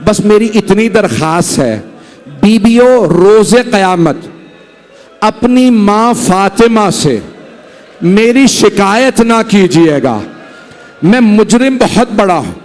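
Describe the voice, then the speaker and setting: Penitent warrior, voiced by a male preacher, low imploring tone, high-set voice. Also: animated, a little mellow. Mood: remorseful. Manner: low, slowed, imploring delivery. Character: repentant warrior man, pleading, remorseful.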